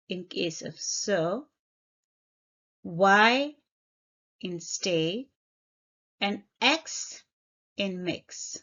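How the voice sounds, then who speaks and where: A woman teaching an English grammar lesson, speaking deliberately, spelling out letters and repeating each example. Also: mid-range voice, a bit bright. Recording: slightly dull lo-fi recording.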